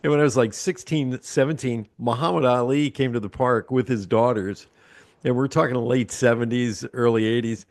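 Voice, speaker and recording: A man's voice: medium pitch, steady tone, moderate pace, a little mellow, no echo. A man in his sixties from Pennsylvania hosts a casual interview, rambling with lots of ums and uhs. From Pennsylvania, USA. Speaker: podcast host.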